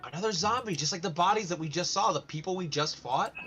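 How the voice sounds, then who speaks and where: A man with a bright, sharp-edged voice plays his character earnestly, thinking each move through with caution. Faint music runs underneath. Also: sits high, fast talker. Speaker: player. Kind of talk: in-character tabletop play.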